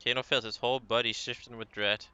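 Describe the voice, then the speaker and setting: A man's voice: mid-range voice, little pitch movement, fast talker, sharp tone, clear, resonant tone, dry recording, lo-fi sound. A man streaming a story game, reading its narration aloud in a casual, joking way.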